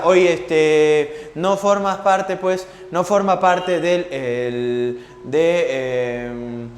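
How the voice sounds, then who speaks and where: A man's voice: fairly high pitch, a little hiss or hum. A man teaching a lecture-style class, repeating key phrases and checking in with his listeners. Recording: echoey room with long reverb.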